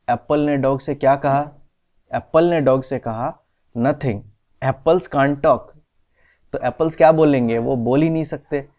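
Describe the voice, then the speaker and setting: Male teacher talking real slow, spelling words out patiently, bit of a muffled lo-fi sound. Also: medium pitch, darkish tone. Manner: mixes Hindi and English. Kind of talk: classroom lesson. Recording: dull, slightly lo-fi recording.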